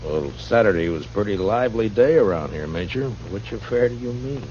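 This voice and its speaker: A man playing a steady, dry-spoken frontier marshal in an old radio drama. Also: on the low side, a little fast, a little hiss or hum, lightly acted. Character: calm, tough frontier lawman, grown man. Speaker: lead actor as U.S. marshal. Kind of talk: 1950s radio drama acting. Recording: muffled old radio broadcast.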